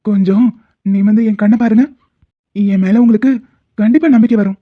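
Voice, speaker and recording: A woman plays a righteous male doctor in a cartoon drama, reassuring but firm. The voice sits at a middle pitch, and the recording is tinny and phone-like. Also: steady tone, brisk, close to an everyday voice. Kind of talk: cartoon voice acting.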